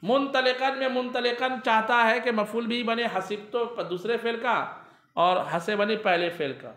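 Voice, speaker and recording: In a classroom, a man gives a grammar lesson, reading Arabic text aloud at a slow pace and posing questions to his students that he frequently answers himself. His voice is very high-pitched, pushed and bright, with fairly even intonation, and the sound is reverberant.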